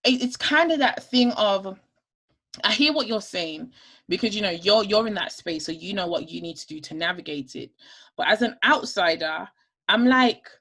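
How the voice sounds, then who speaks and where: A woman's voice: mid-range voice, expressive, normal speed, a bit bright. A woman co-hosting a candid discussion podcast, making her case emphatically and point by point. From United Kingdom. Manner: emphatic, lays out points one by one. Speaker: podcast co-host.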